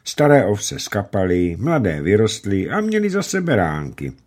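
A man voicing a kindly old peasant grandmother who talks in a homely, gently scolding way. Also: on the low side, huge pitch swings, pitched above the performer's own voice. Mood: homely, gentle.

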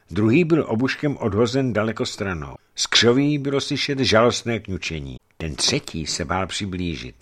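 A man narrating a historical adventure story in an expressive reading style. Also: on the low side.

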